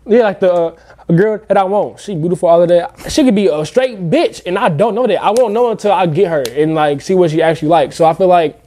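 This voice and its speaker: A man's voice: sits high, quick pace, dark tone. A man in his twenties chatting casually on a podcast in slangy frat-bro style, swearing freely and saying "bro" constantly.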